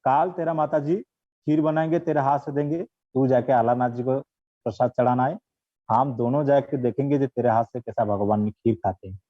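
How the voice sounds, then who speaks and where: A man voicing a stern but fair old father who questions his son calmly. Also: medium pitch, moderate pace, dry recording, natural voice. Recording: dull, dry recording.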